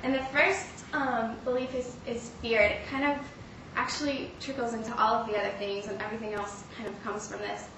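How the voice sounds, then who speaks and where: A young woman giving a personal faith testimony, speaking earnestly and haltingly with many fillers. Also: a little high, level tone, fairly bright tone. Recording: roomy, distant mic with clear background noise.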